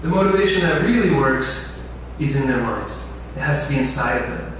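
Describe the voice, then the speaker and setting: This instructor speaks at normal speed with a medium-pitched, fairly bright voice and lively intonation. He teaches an info session lecture in a big reverberant room, frequently questioning the audience; the distant mic picks up heavy echo and faint noise.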